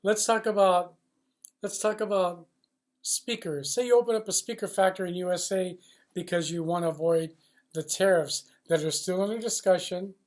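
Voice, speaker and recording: This is an off-the-cuff monologue from a man with a notably high voice who comments on China's loudspeaker supply industry. He sounds angry and blunt, swearing and repeating phrases for emphasis, and occasionally stalls while hunting for what to say next.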